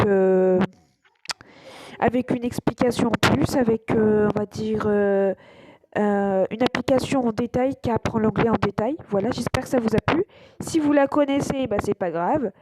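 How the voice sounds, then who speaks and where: Speaking at normal speed in a voice on the high side, a woman guides her channel's viewers through an app via screen recording in a casual way. Fillers, restarts and hesitation run through her talk, and "voilà" comes up constantly. There's background noise.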